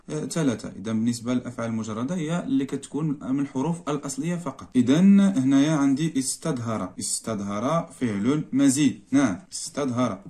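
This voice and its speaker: A man with a Moroccan accent, teaching a grammar lesson and working through exercises step by step, often repeating single words slowly to stress them. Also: medium pitch, warm tone. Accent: Moroccan Arabic. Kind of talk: classroom lesson walkthrough.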